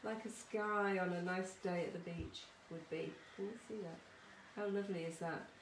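A middle-aged woman artist leads a children's art workshop from a small conservatory-style home studio, demonstrating casually in a chatty, encouraging way and often checking in with her listeners. Her voice is lowish, with fairly even intonation and a moderate pace. A camera or phone a short distance away picks her up, so the sound is roomy and distant, with some background noise.

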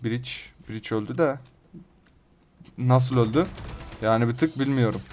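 A man hosting a gaming channel, giving excited live commentary on his own play with rough banter aimed at his viewers. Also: mid-range voice, unhurried, slight background noise.

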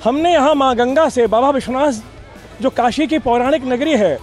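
Brief: middle-aged man, very high pitch, fervent and rhetorical, shouts at times; outdoor crowd noise, faint music. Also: moderate pace. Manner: rousing, rhetorical, grows to shouting. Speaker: cricket fan. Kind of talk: fervent speech to a reporter. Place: crowded riverside steps outdoors. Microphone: handheld reporter mic.

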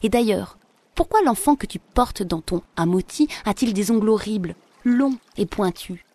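A woman voicing a brave, wary young male hunter in a told legend, speaking firmly and forcefully. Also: medium pitch, lively intonation, moderate pace, no room sound, voice pushed up.

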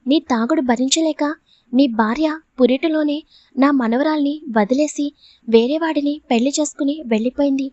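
A woman's voice: sits high, moderate pace, dark tone, no room sound, lightly acted. A woman reading the part of a grieving, protective elderly grandmother who scolds and pleads tearfully in a storybook reading. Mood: angry. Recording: dull lo-fi audio.

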